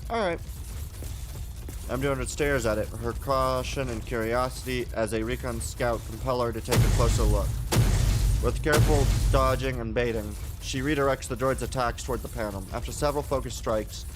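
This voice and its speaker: A man's voice: mid-range voice, moderate pace, a little hiss or hum. A man reading a game's story text aloud with casual commentary, sometimes stumbling and correcting himself as he goes. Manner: stumbles over and corrects words while reading.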